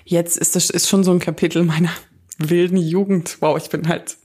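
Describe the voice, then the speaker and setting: A woman's voice: on the low side, fairly even intonation, normal speed, mellow, husky. A woman in her late twenties co-hosting a podcast, chatting frankly but a little bashful. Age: late 20s. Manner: bashful, laughs easily. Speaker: podcast co-host. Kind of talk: frank casual conversation.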